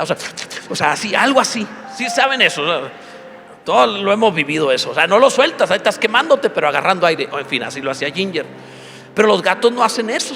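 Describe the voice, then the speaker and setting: A man preaching a sermon as pastor, with an animated, humorous delivery that builds to emphatic climaxes. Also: high voice, long reverb tail, slight background noise. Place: church.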